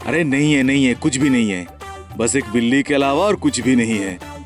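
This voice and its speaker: A man voicing a calm, sensible young cartoon character who teases his scared friend. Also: medium pitch, normal speed, music in the background, lightly acted. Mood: teasing. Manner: teasing, level-headed.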